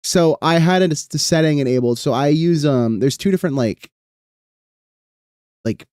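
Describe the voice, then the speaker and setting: A man's voice: on the high side, normal speed, a little mellow, dry recording, studio quality. A young man chatting casually on a live stream, rambling with lots of fillers and casual swearing.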